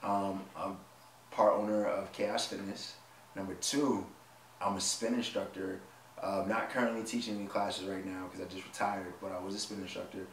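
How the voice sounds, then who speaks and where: A man's voice: deep voice, little pitch movement, normal speed. A man in his twenties co-hosting a casual couples vlog, joking and laughing often as he tells stories. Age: 20s. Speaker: vlog co-host. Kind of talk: casual chat. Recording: echoey room, mic at a distance, faint noise.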